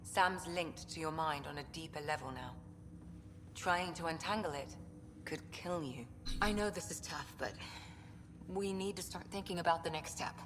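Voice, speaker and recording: A woman voicing a caring female medic in a video game, speaking gently and matter-of-factly. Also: low voice, moderate pace, lightly acted. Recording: game audio, reverberant, ambient noise.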